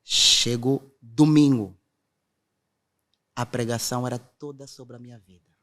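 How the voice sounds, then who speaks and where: A man's voice: mid-range voice, fairly even intonation, unhurried, a bit bright. A young man, earnestly telling his conversion testimony in a podcast conversation. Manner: earnest storytelling, quotes others directly.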